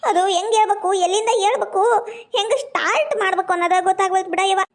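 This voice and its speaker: A very high, piping voice with a North Karnataka accent belongs to a gossipy village woman, as a woman plays her. She drags out her news in a dramatic, long-winded way for a comedy skit. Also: steady tone. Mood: melodramatic gossip. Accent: North Karnataka Kannada. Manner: drawn-out, dramatic storytelling.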